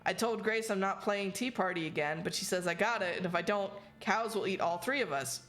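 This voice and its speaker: A frightened young frontier girl, read by a woman recites her diary for a game. The phrasing is rustic and childish, at a middle pitch. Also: fairly quick, fairly bright tone, soft background music, close to an everyday voice. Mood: uneasy, childlike. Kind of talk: reading a diary aloud.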